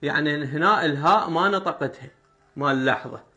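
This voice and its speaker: A young man with an Iraqi Arabic accent teaches the meter of folk poetry, reciting verse lines slowly, syllable by syllable. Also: on the high side, pushed and bright. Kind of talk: spoken lesson on poetic meter.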